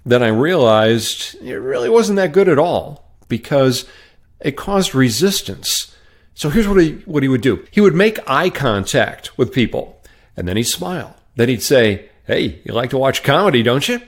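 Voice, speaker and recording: A man hosting a solo podcast who tells a wry story in a conversational way and stresses words with jumps in pitch. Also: sing-song, unhurried. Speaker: podcast host and sales trainer.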